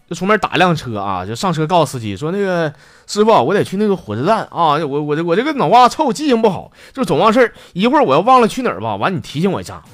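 A man's voice: high-pitched, no echo. A man with a Northeastern Chinese accent hosting a comedy show, telling jokes and reading out listener messages, often slipping into character voices. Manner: lively, jokey, switches into character voices.

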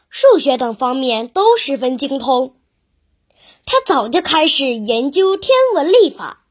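A woman narrating a scripted history lesson for children, explaining things as if to a child, with simple questions. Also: sits high.

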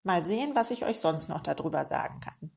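A woman's voice: fairly low pitch, expressive, brisk, gravelly, darkish tone. A woman voicing a boastful old male meerkat uncle in a children's storybook, talking in a pompous, self-important way.

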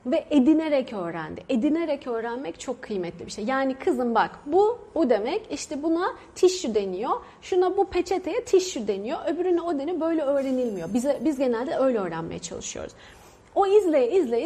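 A Turkish woman in her thirties chats casually with viewers, sharing her experience as a mother. Her voice is high and dark-toned, with big pitch swings and a fairly quick pace, and she hesitates often and doubles her verbs.

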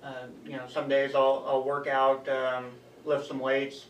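A young adult man, a running coach and guest, answering interview questions in an earnest, halting way, speaking in short stretches. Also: medium pitch, completely flat delivery, distant mic, lo-fi sound. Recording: echoey room, voice a bit off-mic, faint background hum.

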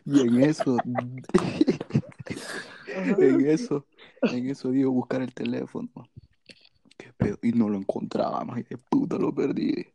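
A man's voice: medium pitch, lively intonation, measured pace, dark tone, breathy edge, no echo. A young man telling a story in a laid-back, slangy way. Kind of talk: casual storytelling chat.

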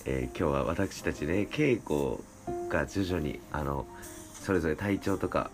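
A young man co-hosting a casual late-night podcast chat, polite and easygoing. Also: extremely low pitch. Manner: easygoing, polite, fast talker. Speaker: radio show co-host, theater actor. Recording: music playing behind the talk.

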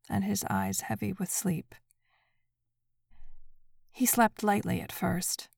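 A woman narrating a story in a soft, breathy whisper, hushed and even. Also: mid-range voice, no echo, studio quality.

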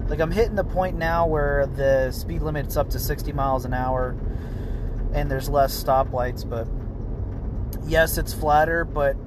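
A man talking casually and thinking aloud as he records a solo driving vlog inside a vehicle. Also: on the high side. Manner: rambling, thinking aloud, mild swearing. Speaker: road-trip vlogger. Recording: noisy vehicle interior. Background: road and vehicle noise.

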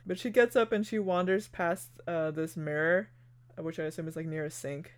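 In a casual podcast chat, a co-host recounts an anime episode step by step, steadily narrating the plot with lots of fillers like "like" and "you know". The voice is medium-pitched, steady, moderately paced, clear, and resonant.

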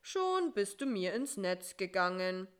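A woman voicing a sleepy, timid male spider who answers in a slow, know-it-all way. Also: mid-range voice, sing-song, smooth.

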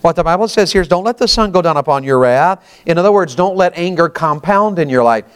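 A man's voice: on the high side, lively intonation, fast, clean tone. A man, preaching a folksy sermon and often asking the congregation questions. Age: 50s.

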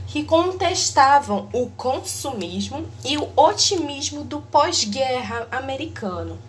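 A woman's voice: on the high side, slight background noise. A woman hosts an educational explainer, reading a prepared text with small slips and self-corrections, her audio clipping and distorted. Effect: clipping, distorted blown-out audio. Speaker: host.

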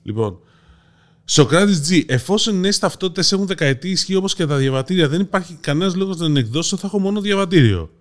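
A man's voice: high voice, expressive. A man from Greece hosting a casual podcast, reading listener comments aloud with wry asides. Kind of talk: casual chat.

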